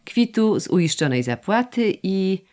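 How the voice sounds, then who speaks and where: A woman's voice: medium pitch, a little slow, pitched above the performer's own voice. A woman reading the lines of a reserved young landowner who answers his mother briefly and without feeling. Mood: curt. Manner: curt, flat and unmoved. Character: terse, cold landowner son, young man. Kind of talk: audiobook dialogue reading.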